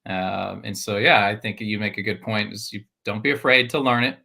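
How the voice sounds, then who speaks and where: A man's voice: fairly low pitch, moderate pace, gravelly, sharp tone, husky. A man co-hosting a live workplace talk show, chatty and teasing, with frequent laughs. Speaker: podcast co-host. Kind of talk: casual live show chat.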